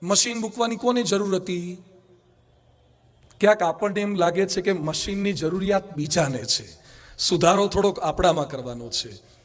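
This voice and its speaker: A man's voice: high-pitched, moderate pace. A man with a Gujarati accent, a monk giving a sermon, telling anecdotes and acting out the people in them. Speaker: Swaminarayan monk preacher.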